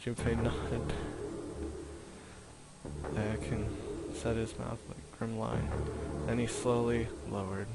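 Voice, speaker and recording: A man's voice: medium pitch, level tone, slow pace, creaky, rough recording. A man reading a game's story text aloud, stumbling and restarting now and then. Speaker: reader of a visual novel. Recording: voice over loud game music.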